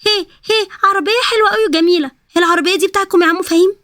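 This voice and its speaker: A woman voicing an excitable, hungry little girl who squeals in childlike Egyptian Arabic. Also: extremely high pitch, rapid-fire, dry recording, clean studio sound, voice pushed up. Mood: delighted.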